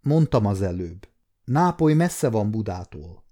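A man's voice: lowish voice, big pitch swings, mellow. A man voicing a wary old counsellor. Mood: grave. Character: old man Perszíni, wise, sceptical counsellor.

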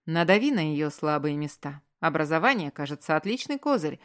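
Woman reading a cold, commanding rich man, curt orders, low voice, audiobook. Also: sing-song, fairly quick.

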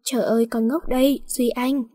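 A woman's voice: steady tone, normal speed, warm tone, breathy edge. Duy Anh, a woman doing a scornful warning brother. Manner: low-key warning, scornful.

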